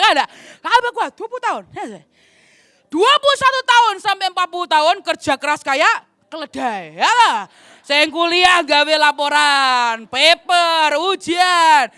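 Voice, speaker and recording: A woman evangelist preaching a sermon, telling an animated story and calling her listeners "brothers and sisters.". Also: sits high, no echo, clean studio sound. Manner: animated, addresses audience as "saudara". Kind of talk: sermon storytelling with acted dialogue.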